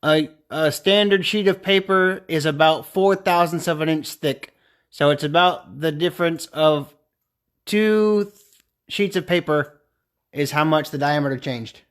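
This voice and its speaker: A man talks casually on a live stream while he works at the lathe and answers viewer comments. His voice sits a little high. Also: a little slow, smooth. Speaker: woodturner streaming a pen turning.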